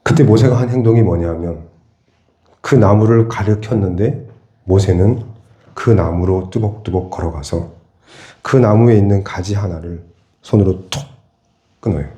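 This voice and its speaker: A man's voice: lowish voice, normal speed, pauses often, warm tone, roomy sound. A pastor preaching a sermon in a church. He keeps asking the congregation questions and answers them himself. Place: church sanctuary.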